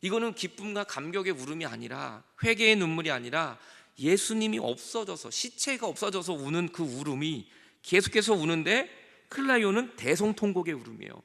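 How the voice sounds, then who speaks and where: A male pastor preaching an Easter sermon, with sudden swells of emphasis and hushed, near-whispered phrases. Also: on the high side, big pitch swings, brisk, creaky. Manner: emphatic, rising and falling sharply, dropping to near whispers. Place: church sanctuary. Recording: long church hall reverb.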